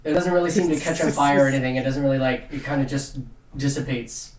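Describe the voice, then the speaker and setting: A man narrating a tabletop game casually as game master, often halting as he searches for words. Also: mid-range voice. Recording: roomy, distant from the mic.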